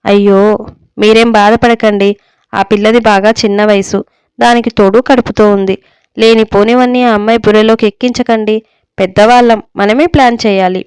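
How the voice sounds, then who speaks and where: A woman's voice: medium pitch, fairly even intonation, normal speed, darkish tone, smooth, no echo, natural voice. Woman reading as an insistent worried mother. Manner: scolding, insistent. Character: worried middle-aged mother, strong-willed. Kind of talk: storybook reading.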